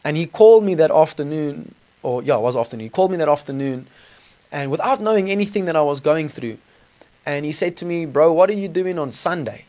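A man with a South African accent and a slightly higher-than-average voice tells his own story. He speaks informally and earnestly, dropping in slang, like a guest sharing a testimony in conversation. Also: lively intonation, quick pace, warm tone. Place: small studio.

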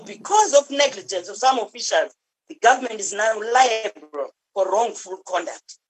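A woman's voice: mid-range voice, slightly rough, low-quality recording. A South African woman reading a formal political speech in parliament in an earnest, declarative way. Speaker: member of parliament giving a speech.

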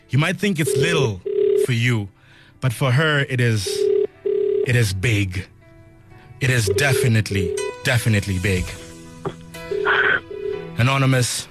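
A South African man presenting a morning radio show like a DJ, speaking earnestly and emphatically, repeating phrases as he appeals to listeners. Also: mid-range voice. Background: music under the voice.

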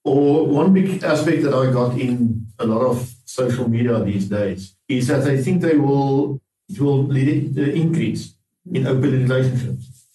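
Mellow-voiced man in a roomy studio discussion. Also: medium pitch, a little slow. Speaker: talk show panelist. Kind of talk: conversational discussion. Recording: roomy, distant from mic.

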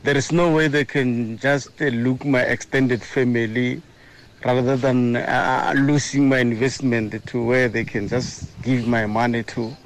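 Guy on a played-back voice message, stumbles over his words, mid-pitched voice. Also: little pitch movement, unhurried, a little hiss or hum, rough recording. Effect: played back as a recorded voice message. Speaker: caller leaving a question. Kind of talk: casual question to a radio show.

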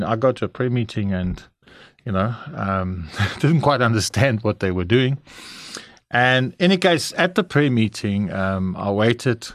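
A man's voice: fairly low pitch, no echo, studio quality. A middle-aged South African man with a South African English accent, frankly telling his personal testimony as an interview guest. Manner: candid, frank storytelling.

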